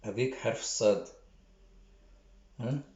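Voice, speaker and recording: A man teaching the Arabic alphabet in a slow, patient lesson, repeating syllables and checking that his students follow. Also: mid-range voice, a little mellow, echoey room, highs cut off.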